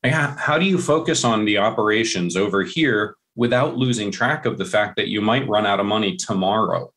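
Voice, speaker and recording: A man with a fairly low voice talks as a guest on a casual podcast. He is passionate and emphatic and repeats key phrases for stress. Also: fairly quick, a bit bright.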